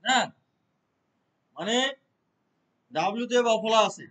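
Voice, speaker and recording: This man teaches a computer class in a very high voice. He walks through each step slowly and keeps stopping to check that the class is following along. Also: animated, a bit bright, rough recording. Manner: explains step by step, checks understanding with repeated questions. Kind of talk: classroom lesson.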